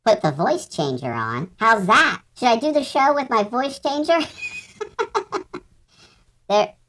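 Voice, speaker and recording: Guy on a voice changer that makes him sound high, bouncy pitch, playful live stream banter. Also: very animated, takes it slowly, sharp tone, full character voice. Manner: playful, trying out a gadget. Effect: cheap voice changer pitching the voice up. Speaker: host of a live YouTube advice show. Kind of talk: joking live-stream chat.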